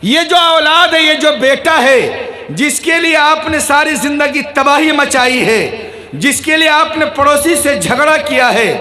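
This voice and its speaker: A man preaching a fiery religious sermon, shouting and quizzing the crowd in front of him. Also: very high voice. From Bihar, India.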